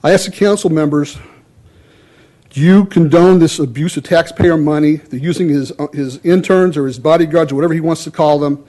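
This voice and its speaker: A man's voice: on the high side, fairly quick, mellow. A man giving a formal public comment at a council meeting in a stern, indignant, accusatory way.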